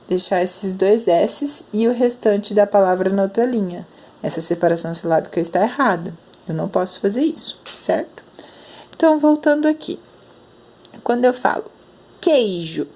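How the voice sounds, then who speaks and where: Slow-enunciating Brazilian teacher woman. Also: mid-range voice, dark tone. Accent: Brazilian Portuguese. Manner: slow, drawn-out enunciation of sounds. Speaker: primary school teacher. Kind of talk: explaining lesson to children.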